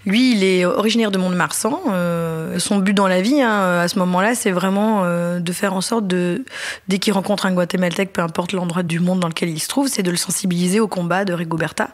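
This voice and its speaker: Lively, informal woman telling her story. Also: lowish voice. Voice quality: lively, informal, fast bursts. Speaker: interviewee, singer. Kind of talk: personal storytelling interview.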